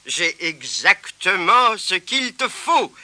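A man voicing a generous old male shopkeeper in a storybook, slow and friendly. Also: high voice, big pitch swings, sharp tone, no room sound, exaggerated voice. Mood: welcoming.

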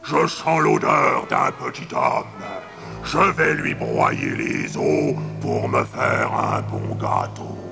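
A man voicing a menacing male giant in a storybook reading, with slow, booming threats. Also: wildly swooping pitch, gravelly, over music, full character voice. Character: huge growling male giant, menacing ogre.

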